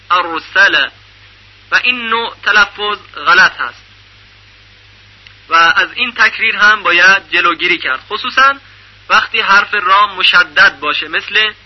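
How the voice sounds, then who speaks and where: A man giving a radio lesson on recitation rules, explaining in a measured way and repeating syllables to demonstrate them. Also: high voice. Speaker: Quran recitation teacher. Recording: dull lo-fi radio recording.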